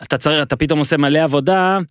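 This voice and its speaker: A male podcast host in casual conversation, his voice sitting a little high. He banters, jokes and pushes back on his guest. The sound is dry and close, with no room echo. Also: clear, resonant tone. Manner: bantering, quick to joke and push back. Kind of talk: casual chat.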